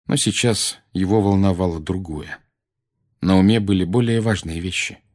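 A man reads a novel aloud in a steady, measured storytelling voice. His tone is low-pitched with a breathy, husky texture. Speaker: narrator. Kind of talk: audiobook narration.

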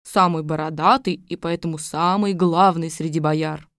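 A woman narrating a fairy tale in an even storytelling manner. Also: low voice, moderate pace, dry recording, studio quality.

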